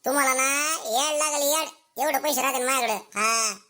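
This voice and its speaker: Sex: woman. Figure: a woman voicing a lazy schoolboy who talks back. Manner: whiny and sly, high and piercing. Style: comedy sketch. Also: fairly quick, pushed and bright. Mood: boastful. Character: lazy cheeky schoolboy, fakes illness. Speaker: main character.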